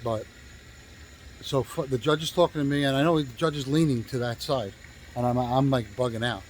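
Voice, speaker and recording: A man's voice: mid-range voice, moderate pace, slight background noise, low-quality recording. A male real estate agent telling a story in a casual, rambling way, swearing freely and stopping often to restart with fillers.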